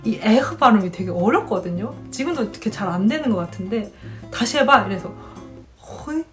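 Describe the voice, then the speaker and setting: A woman in her twenties telling stories casually to her viewers, chatty and animated, acting out the people she met. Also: medium pitch, fast talker, faint music behind. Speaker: vlogger. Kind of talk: casual storytelling to camera.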